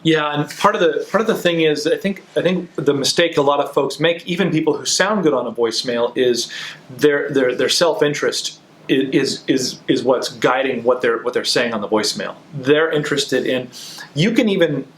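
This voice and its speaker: A man talking casually as a podcast co-host, explaining in a halting way, circling back and repeating words as he goes. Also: mid-range voice. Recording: roomy, echoing sound.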